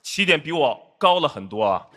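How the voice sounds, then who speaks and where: Loud audience laughter fills the studio as a middle-aged Shanghai-born comedian and actor, a guest at a roast, delivers self-deprecating jokes with careful punchline timing. His voice is a little high and very animated, at normal speed.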